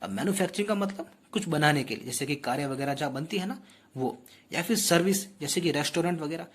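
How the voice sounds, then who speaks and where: Male tutor with a slightly husky voice, explaining patiently and quizzing the class. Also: on the high side, animated, quick pace. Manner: explanatory, addresses students directly with rhetorical questions. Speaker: teacher. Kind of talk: exam-prep lecture.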